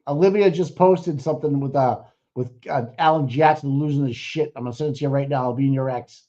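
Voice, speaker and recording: A man co-hosting a casual chat, excitable and profane, rambling with restarts. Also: mid-range voice, fast talker. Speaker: co-host. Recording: muffled lo-fi stream audio.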